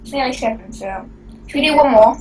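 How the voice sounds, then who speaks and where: Brief: female co-host, fairly high voice, stumbling casual read, picked up from a distance, faint noise. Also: fairly quick. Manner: stumbling, restarting words. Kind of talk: casual creepypasta reading.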